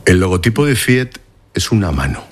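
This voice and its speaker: Very deep-voiced husky male interviewer. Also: big pitch swings, normal speed. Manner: direct, probing questions. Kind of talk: broadcast interview.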